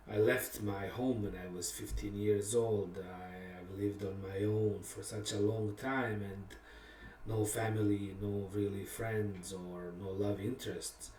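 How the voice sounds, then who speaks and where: Speaking in a low, mellow voice with fairly even intonation, a man who writes songs and plays music candidly recounts the story behind one of his songs. He's reflective and casual, pausing often, using fillers and laughing at himself, with roomy sound from a distant mic.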